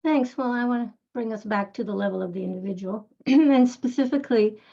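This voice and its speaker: Woman, 50s, from Israel, gravelly and creaky, earnest and rambling, dull lo-fi call audio. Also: on the high side, a little fast, dark tone. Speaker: audience member asking a question. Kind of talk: conversational question on a video call. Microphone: video call.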